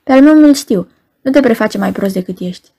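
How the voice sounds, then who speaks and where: A woman reading the lines of a stern, ailing Roman procurator, speaking quietly in a flat monotone without raising her voice. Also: on the high side. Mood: cold. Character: cold ailing Roman procurator, stern middle-aged man.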